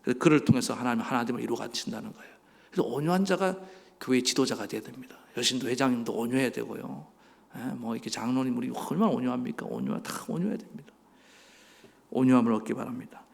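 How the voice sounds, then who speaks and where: A man's voice: mid-range voice, fast talker, vocal fry. A middle-aged man, a pastor, preaching a sermon and putting rhetorical questions to his congregation in a church sanctuary. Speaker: senior pastor. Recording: long reverb of a church hall.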